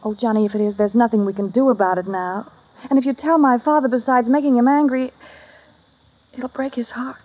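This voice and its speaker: An actress plays an anxious, pleading young woman in an old radio play. Her voice is breathy and fairly high, on a dull, lo-fi recording. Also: steady tone, brisk, lightly acted.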